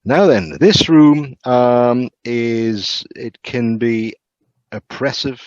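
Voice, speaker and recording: A man speaking as a castle guide in casual storytelling, halting and repeating words with lots of ums. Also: medium pitch, a little mellow, dry recording. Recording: muffled lo-fi sound.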